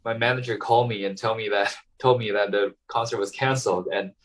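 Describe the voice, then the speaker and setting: Brisk and steady, with a voice on the low side, a young guest violinist from Taiwan responds to interview questions. He's casual but hesitant, using many fillers and restarts, and sounds distant from the mic.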